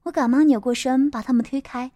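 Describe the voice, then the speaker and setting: A woman narrating a first-person audiobook story in a steady, plain way. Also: high voice, fairly quick, dry recording.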